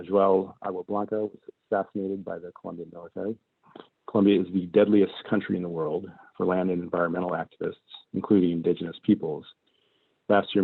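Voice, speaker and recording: Deep, gravelly man, panel moderator, steady with plenty of ums, thin dry phone-like call audio. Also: no room sound. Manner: measured, many ums and uhs. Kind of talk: online panel discussion.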